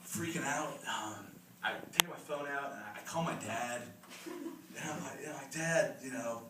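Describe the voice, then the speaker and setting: A young man doing first-time stand-up comedy at an open mic with stage fright, speaking in a halting, stumbling, nervous way. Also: medium pitch. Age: young adult. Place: open mic venue before an audience. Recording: echoey room, distant mic, clear noise.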